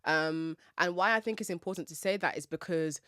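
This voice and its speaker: A woman's voice: lowish voice, a little fast, a bit bright, smooth, no echo, clean studio sound. A woman hosting a conversational podcast, articulate and opinionated, affirming her guest as she talks. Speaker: podcast host.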